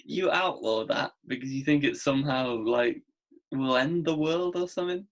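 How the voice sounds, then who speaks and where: A man's voice: medium pitch, normal speed. A man hosting a podcast in casual chat, jokey and teasing. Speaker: podcast host.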